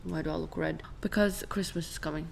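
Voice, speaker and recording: A young woman from Ukraine opens a reaction video in a chatty, playful way. Her voice sits a little low with a gravelly edge of fry, and she keeps a wry tone as she talks. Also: fairly even intonation, a little fast, slight background noise. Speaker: co-host of a reaction channel. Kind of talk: casual chat.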